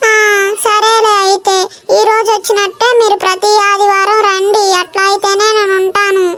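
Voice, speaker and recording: A woman's voice: very high-pitched, flat delivery, normal speed, fairly bright tone. A woman voicing a young, homesick hostel schoolgirl in a cartoon, pleading and a little whiny. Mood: bargaining. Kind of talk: cartoon voice acting.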